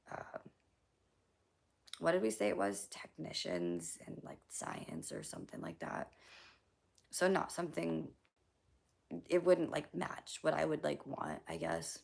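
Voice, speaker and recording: A young woman livestreams and answers chat in a low, heavily gravelly voice with a hoarse, scratchy throat. She speaks bluntly and loosely, unhurried and sing-song, full of fillers and casual swearing, often dropping to a near-whisper.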